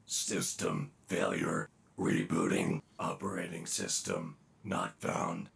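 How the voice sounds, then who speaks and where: An actor playing a dying villain robot in a video game, glitching and halting as it speaks. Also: male voice, deep voice, very animated, creaky, fairly bright tone, full character voice. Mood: glitching, flat. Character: bitter male villain robot, cynical and dying.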